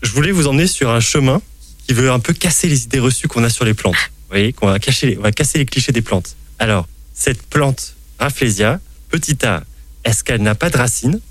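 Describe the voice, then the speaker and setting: A man's voice: mid-range voice, expressive, fairly quick, no echo. A man hosting a science talk show, explaining botany with a playful quizmaster manner. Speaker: science podcast host. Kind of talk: science chat with quiz.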